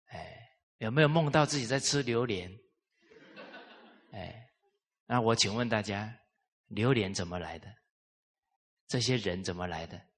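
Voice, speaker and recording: Husky-voiced man lecturing a live audience. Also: on the low side, a little slow, pauses often. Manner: lively storytelling with rhetorical questions to the audience. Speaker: lecturer on traditional culture.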